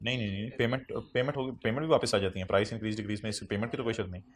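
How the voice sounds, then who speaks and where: A man's voice: on the low side, steady tone, very fast. A man with a Pakistani Urdu accent giving a tax lecture to a class, teasing students, quizzing them and mixing English phrases into his Urdu.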